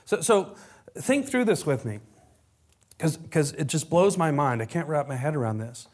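A man preaching a sermon, animated and storytelling, with frequent restarts. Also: a little high, normal speed.

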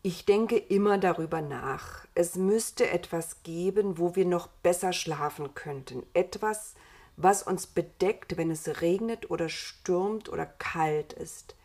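A woman's voice: on the low side, slow, darkish tone. A woman reading as earnest young Adam. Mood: pondering.

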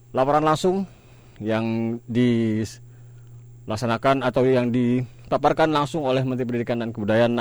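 A man's voice: medium pitch, a little mellow, dry recording. A man with an Indonesian accent hosting a radio news programme, presenting and ad-libbing between items. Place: radio studio.

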